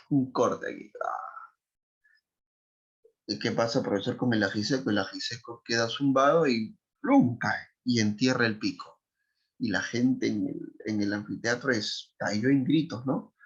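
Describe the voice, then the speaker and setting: A man, a literature teacher, retells a story to his class with lively, animated delivery. He acts out the characters' voices and keeps asking his students questions. The recording is dull and lo-fi. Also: mid-range voice.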